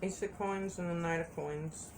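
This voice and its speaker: Woman, low voice, tarot reader, casual and chatty, repeats herself for emphasis, faint background noise. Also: fairly even intonation, moderate pace.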